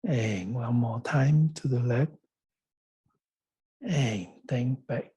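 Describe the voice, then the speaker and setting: A man leading an online tai chi class, giving calm, step-by-step movement cues. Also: mid-range voice, husky. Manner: slow, calm, step-by-step cueing. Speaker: tai chi teacher and workshop leader.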